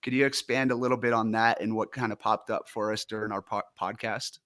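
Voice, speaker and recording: A man's voice: on the low side, fairly even intonation, brisk, a bit bright. Enthusiastic male live-show host. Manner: enthusiastic, effusive praise. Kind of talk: live interview hosting.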